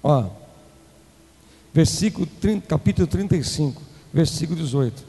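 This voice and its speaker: A man with a Brazilian Portuguese accent preaching a sermon as an apostle, swinging between loud declaiming and quick low asides to the congregation. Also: expressive, gravelly, faint music behind. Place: church hall. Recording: long hall reverb, faint room noise.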